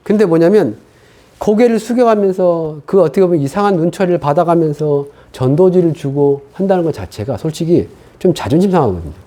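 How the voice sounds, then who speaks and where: A middle-aged man preaching a sermon as pastor, telling his own story in an animated way and acting out what he once said. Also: on the high side, brisk. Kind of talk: sermon testimony.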